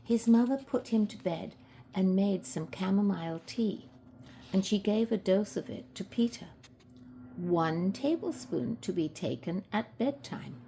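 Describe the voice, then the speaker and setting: An older woman with a husky, grandmotherly voice reads a children's story expressively, drawing out words for effect. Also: medium pitch, expressive, unhurried, warm tone, slight background noise, rough recording. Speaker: storyteller reading a children's book.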